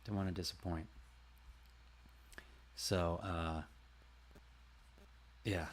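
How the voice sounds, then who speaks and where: A man with a lowish voice hosts a casual livestream and talks into a close desk mic. He rambles in an easy, chatty way and drifts between topics while addressing viewers by name. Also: steady tone, drawn-out words, a little hiss or hum. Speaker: livestream host and voice actor.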